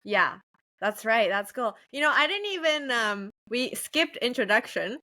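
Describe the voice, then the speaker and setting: A woman's voice: a little high, expressive, unhurried, pushed and bright. A woman hosting a casual interview, encouraging her guest and laughing along. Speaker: interview host.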